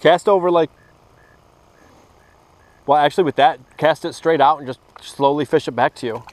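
A man with a higher voice films himself fishing on a grassy pond bank, chatting in an easygoing, halting way. A body-worn action camera near him picks up noisy outdoor audio and nature ambience.

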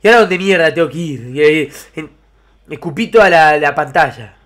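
A man's voice: a little high, lively intonation, brisk, a bit bright. A man with an Argentine accent giving horror gameplay commentary, jumpy, swearing constantly and screaming when frightened. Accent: Argentine Spanish. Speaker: let's play gamer.

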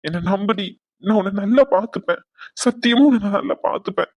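A man's voice: sits high, brisk, dry recording. A man voicing a subdued remorseful young husband. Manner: subdued, earnest.

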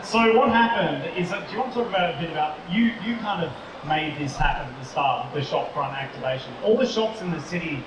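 A man's voice: fairly high pitch, lively intonation, fairly quick, hardly any pauses. A man telling stories in a chatty live talk as a toy company co-founder. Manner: chatty, conversational storytelling. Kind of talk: casual live presentation. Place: large indoor shopping mall expo. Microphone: distant mic on a live talk. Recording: echoey mall hall, distant mic, crowd noise.

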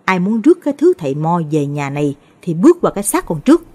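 A hard-headed village man snaps his words out, curt and scornful, read by a woman storyteller. The voice stays low and husky, close to the reader's own. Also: very animated, fast talker, mellow. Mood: angry. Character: stubborn, hot-tempered middle-aged village man.

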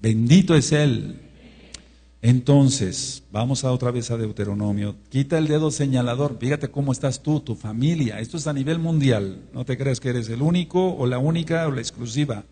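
A man preaching a sermon. He speaks emphatically, repeats his points and swings between hushed and loud delivery. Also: medium pitch, brisk, hardly any pauses, husky.

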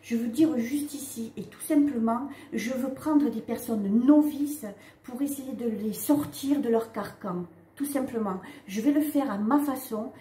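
A woman giving a casual spiritual card reading, talking straight to her viewers in a halting way with frequent "hein" and "d'accord" tags. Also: on the high side, warm tone. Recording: echoey room with faint ambient noise.

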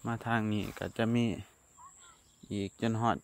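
A young man with an Isan accent, chatting to viewers as he walks through rice fields, with wind rushing over the mic. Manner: chatty, addresses viewers as brothers and sisters. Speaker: vlogger. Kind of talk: casual walking vlog. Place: outdoors in windy rice fields. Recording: wind noise on outdoor mic. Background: wind, crickets and insects.

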